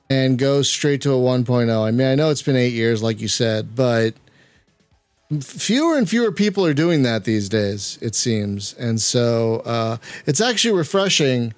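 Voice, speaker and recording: A man's voice: mid-range voice, clear, resonant tone, no echo. A man hosting a podcast, chatting casually while playing a game and reacting aloud with stumbling restarts. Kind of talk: casual gameplay chat.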